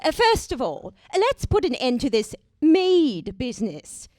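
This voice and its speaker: A woman playing an indignant, sharp-tongued maiden outlaw in a comic radio play. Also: sits high, wildly swooping pitch, unhurried, no echo, studio quality, exaggerated voice. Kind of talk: radio-play comedy acting.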